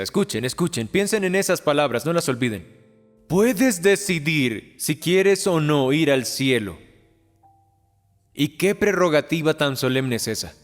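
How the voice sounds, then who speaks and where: Fervent high-voiced male preacher, echoing hall. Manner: fervent, pleading, repeats phrases for emphasis. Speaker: preacher, Spanish voice of the sermon. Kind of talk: sermon with altar call. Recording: reverberant hall with soft music.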